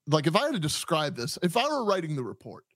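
A man hosting a podcast, commenting on a clip in a joking, halting way with many restarts. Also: a little high, very animated, a bit bright, slightly rough, no room sound. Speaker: podcast host, police officer.

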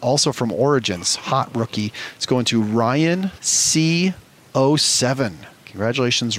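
A man hosting a live show, reading out giveaway winners with an upbeat manner and drawing out names like an announcer. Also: medium pitch. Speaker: show host.

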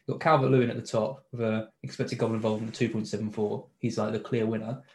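A man's voice: on the low side, flat delivery, fast talker, a little mellow, slight background noise. A man chatting casually about football as a podcast co-host, listing names and repeating words as he starts. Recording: roomy echo.

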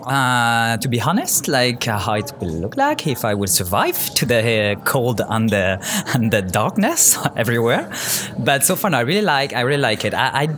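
Hesitant man with a French accent, middle pitch, music audible behind. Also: sing-song, moderate pace, a bit bright. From France. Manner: hesitant, many restarts and fillers. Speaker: guest, student. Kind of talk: casual interview answers. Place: outdoors in a city neighborhood. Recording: music playing clearly behind. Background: clear music.

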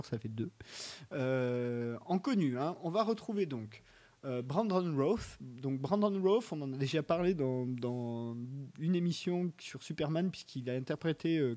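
A man's voice: on the high side, mellow. A man co-hosting a casual podcast, talking about an upcoming TV series in a rambling, hesitant way with lots of fillers and restarts. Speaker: podcast co-host presenting a segment.

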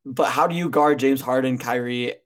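A man co-hosting a casual sports chat in a mid-pitched, everyday voice. He talks in a measured way, often stopping on a drawn-out um before he goes on. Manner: measured, pauses with frequent ums.

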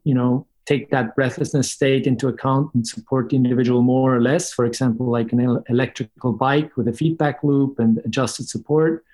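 A Swiss man with a medium-pitched, slightly mellow voice appears as a podcast guest and company co-founder. He answers interview questions conversationally, laying things out methodically.

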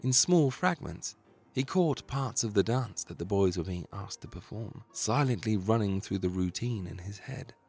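Low, gravelly male narrator, measured dramatic storytelling, faint music under. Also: animated, a little mellow.

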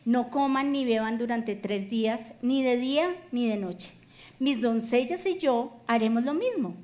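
A woman's voice: on the high side, unhurried, darkish tone, close to an everyday voice. A woman voicing an earnest young queen. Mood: solemn. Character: frightened but resolute young queen.

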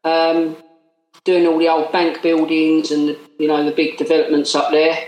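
A man's voice: on the high side, monotone, moderate pace, a little mellow. A man in his late thirties with an Essex accent, chatting casually as a podcast guest in a matey, working-class way. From Essex, England. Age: late 30s. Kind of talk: casual chat. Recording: roomy, echoey sound.

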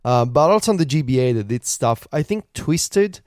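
A man's voice: medium pitch, lively intonation, darkish tone, clear, resonant tone, no echo, studio quality. A man co-hosting a podcast, chatting casually with lots of "like" and "uh". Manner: chatty, lots of "like" and "uh", quick to laugh. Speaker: podcast co-host. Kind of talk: casual chat.

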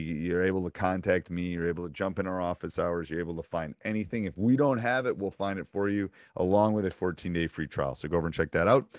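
A warm, welcoming American man hosting a podcast in a casual, chatty style. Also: deep voice, no room sound, studio quality. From Wisconsin, United States. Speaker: podcast host. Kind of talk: casual podcast intro and chat.

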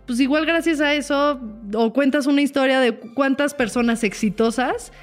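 A woman co-hosting a casual podcast, talking reflectively with frequent tag questions and quoting herself in a higher voice. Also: normal speed, soft background music. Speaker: podcast co-host.

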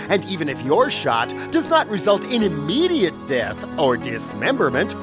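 A man's voice: high voice, exaggerated voice. A man playing a bombastic, theatrical announcer selling death ray guns in a mock public-radio sponsor spot. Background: prominent music bed.

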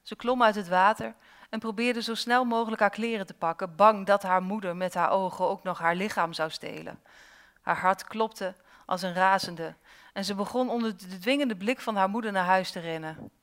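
Woman storyteller, mid-range voice, reads her own tale with dramatic pauses. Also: medium pitch, clear, resonant tone. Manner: expressive, slow dramatic pauses. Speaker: storyteller and author. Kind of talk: reading her own fairy tale aloud.

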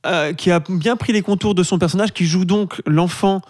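A man's voice: high-pitched, normal speed, a little mellow, no room sound, clean studio sound. Opinionated man reviewing a film. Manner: opinionated, rambling with restarts. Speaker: film critic. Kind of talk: casual review discussion.

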